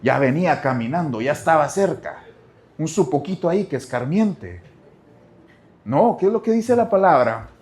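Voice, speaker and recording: A man's voice: expressive, moderate pace. Man preaching with dramatic swings. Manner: preaching with dramatic swings between soft low asides and loud cries; addresses the congregation directly, repeating phrases. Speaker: pastor. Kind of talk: sermon.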